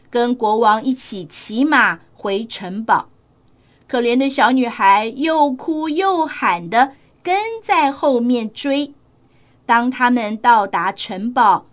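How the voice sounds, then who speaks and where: A woman telling a story to children in a gentle, coaxing manner, speaking directly to her young listeners. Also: fairly high pitch.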